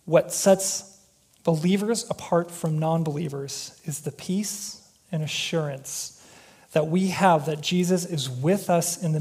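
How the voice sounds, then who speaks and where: Chatty man preaching, slightly higher voice. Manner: relaxed and chatty, with joking personal asides. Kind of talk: conversational sermon.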